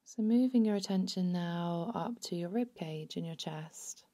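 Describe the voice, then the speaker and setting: This guided body scan meditation is led by a woman whose voice is slightly low and very mellow. Her pace is very slow and calming, each phrase trailing off into a hush, and she stays gentle and unhurried all the way through.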